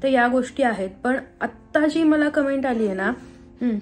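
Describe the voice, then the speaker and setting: A woman in her thirties, a homemaker vlogging casually at home, chatty with frequent pauses and fillers. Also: high voice, expressive, faint music behind. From Maharashtra, India. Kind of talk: casual vlog chat and voice-over.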